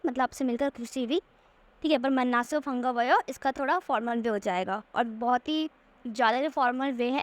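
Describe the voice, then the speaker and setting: A woman teaching Korean in a slide-based lesson, patiently repeating words slowly to show their pronunciation. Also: high voice, dry recording. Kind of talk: screen-share lesson explaining slides.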